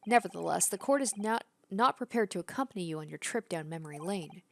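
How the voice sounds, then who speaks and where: A woman voicing a dignified, impatient judge in a video game, speaking in a measured, formal and pompous way. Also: fairly low pitch, animated, gravelly, a bit bright. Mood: stern. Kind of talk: video game character read-aloud.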